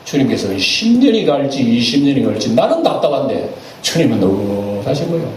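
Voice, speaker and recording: A man, preaching a sermon as senior pastor. He talks in a lively way, asks the congregation questions and acts out little asides. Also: medium pitch, brisk. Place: church sanctuary. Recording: echoey church hall, picked up from a distance, faint room noise.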